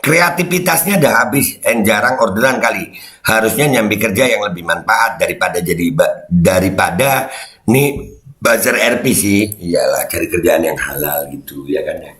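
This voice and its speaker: A man's voice: fairly low pitch, expressive, moderate pace, fairly bright tone. Guy doing a jokey commentary, voice bouncing all over, mocking tone, echoey room. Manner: mocking, laughing, reads comments aloud. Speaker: host. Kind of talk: casual commentary.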